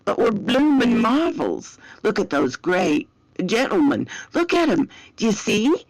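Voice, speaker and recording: A woman voicing an excitable male British soldier who bellows in plain, common speech from a trench. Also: medium pitch, slow, no room sound, poor audio. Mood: astonished shouting.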